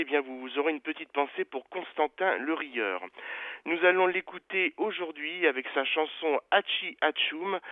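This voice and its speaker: A man's voice: fairly high pitch, no echo. Tinny-sounding man presenting old records. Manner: hesitant, with many fillers. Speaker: radio host.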